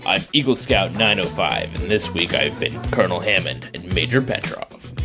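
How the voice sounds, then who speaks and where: A man's voice shifted deep through a pitch effect, sitting very low yet swinging widely up and down as he reads his credit. It has a processed, uncertain timbre that is hard to pin as male or female, with clear music playing underneath. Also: lively intonation, moderate pace. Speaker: voice actor giving his credit. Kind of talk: end credits of a fan audio drama.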